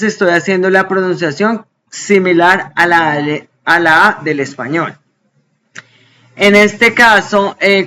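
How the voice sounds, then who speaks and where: A woman English teacher explaining grammar in an online class, patient and explanatory, often checking in with quick questions. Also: fairly low pitch, fairly bright tone.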